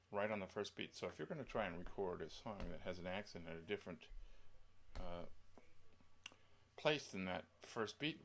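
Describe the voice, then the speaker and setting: Low-voiced man rambling through a tutorial. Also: gravelly, fairly bright tone. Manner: rambling, thinking aloud with many pauses and restarts. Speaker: music software tutorial presenter. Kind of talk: casual screen-share tutorial.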